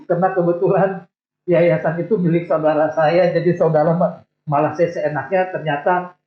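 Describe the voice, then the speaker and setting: A man in his sixties, a radio guest, telling his life story in a relaxed, joking way. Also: fairly high pitch, moderate pace. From Indonesia. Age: 60s. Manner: relaxed storytelling with light self-deprecating jokes. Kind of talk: casual interview chat. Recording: echoey room, tinny phone-like sound.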